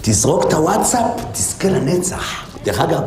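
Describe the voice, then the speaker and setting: A man performing over-the-top comedy sketches, ranting, shouting and preaching frantically. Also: a little high, big pitch swings.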